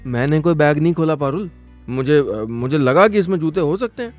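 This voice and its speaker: A man's voice: fairly high pitch, animated, brisk, a little mellow, faint music behind, natural voice. A man voicing a young boyfriend who pleads with growing exasperation. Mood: irritated.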